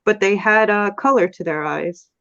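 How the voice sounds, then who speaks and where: A woman's voice: medium pitch, normal speed, fairly bright tone, lo-fi sound. A woman guest in a casual live-stream chat, speaking hesitantly with many fillers and trailing off.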